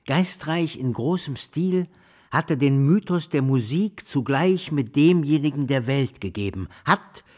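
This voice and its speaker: In a radio drama, an actor voices an erudite music lecturer, delivering ornate, solemn, declamatory lines with devout fervour. The voice is male, somewhat high in pitch, with a darkish tone.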